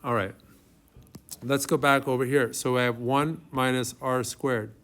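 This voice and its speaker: A man gives a classroom math lecture in a mid-pitched voice. He talks informally, thinking aloud as he writes, and often turns to the students with a question. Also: fairly even intonation, a little slow, a bit bright. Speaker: math professor. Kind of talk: classroom lecture, working through problems aloud.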